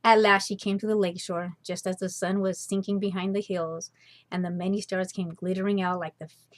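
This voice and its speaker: With deliberate phrasing and lively dramatic flair, a woman narrates a children's story in a fairly low voice. The audio carries no echo.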